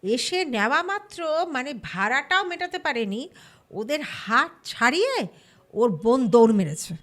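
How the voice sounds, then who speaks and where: Animated high-voiced woman storyteller. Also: a little slow. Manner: lively, acts out quoted voices. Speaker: storyteller guest. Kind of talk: casual storytelling.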